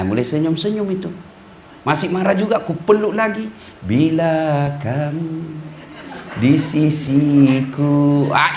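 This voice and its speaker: High-voiced joking male preacher. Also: slight background noise. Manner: joking, animated storytelling with quoted voices. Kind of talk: humorous sermon.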